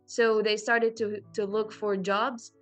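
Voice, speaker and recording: Young woman, halting and earnest. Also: mid-range voice, level tone, faint music behind. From Syria. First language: Arabic. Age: 20s. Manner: halting, earnest, frequent pauses and restarts. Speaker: translation student sharing her story. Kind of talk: personal testimony to camera.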